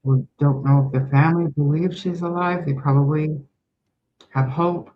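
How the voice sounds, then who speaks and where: A commentator on a video call who talks haltingly with restarts, heard through a microphone that cuts in and out so the volume keeps jumping. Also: medium pitch, steady tone, soft background music. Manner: halting, hesitant speech with restarts. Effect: mic cutting in and out, uneven volume. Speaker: commentator on a panel. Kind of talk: online video discussion. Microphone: computer mic on a video call. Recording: dull lo-fi online call mic.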